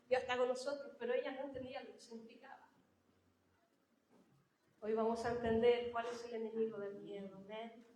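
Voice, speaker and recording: In a church, a woman with a high voice preaches a sermon, caught in a roomy, rough recording. Her preaching is warm and conversational, she addresses listeners as brothers, and she drives points home by repeating them emphatically.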